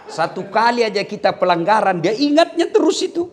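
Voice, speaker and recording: A man's voice: high voice, very animated, fairly quick, background noise. A man preaching a humorous sermon who tells jokes and stories and acts out the lines of the people in them. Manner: joking, storytelling, acts out quotes. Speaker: Islamic preacher.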